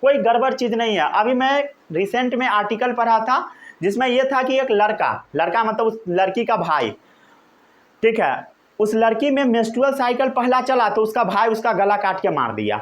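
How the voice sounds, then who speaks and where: A man's voice: extremely high pitch, moderate pace. A young male teacher giving a classroom lecture, checking often that students have understood. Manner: animated, keeps asking "samajh gaye?".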